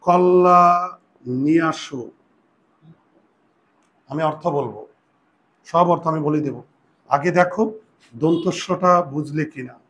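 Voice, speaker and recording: A male teacher leads a classroom lesson, quizzing his students again and again. His voice sits a little high. He sounds out each example word slowly, one piece at a time. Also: fairly bright tone. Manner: drills students with repeated questions and examples; spells out words slowly, syllable by syllable. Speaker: Bengali teacher.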